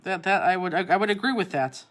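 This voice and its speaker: Hosting a live online craft demonstration from an indoor craft studio, a woman from Cleveland, Ohio chats and answers viewers' comments in a Cleveland accent. Her voice is on the low side, with lively intonation and a quick pace.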